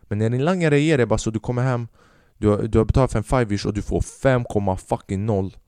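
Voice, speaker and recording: Here a man hosts a podcast, spinning meandering funny tales full of curses and acted-out lines from other people. His fairly low, mellow voice has a clean tone, recorded as clean studio sound with no room sound.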